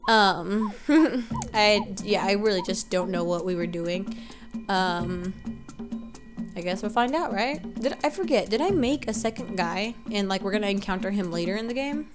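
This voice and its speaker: Over music, a young woman with a mid-range voice commentates a video game casually at normal speed. As a let's play gamer congested from allergies, she rambles, often corrects herself, and sounds unsure.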